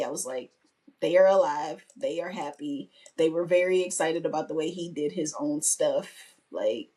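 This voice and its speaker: A woman's voice: fairly low pitch, a little mellow. A woman in her thirties, a podcast co-host, chatting casually and telling stories with frequent laughs. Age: 30s. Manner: chatty storytelling, laughs often. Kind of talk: casual chat.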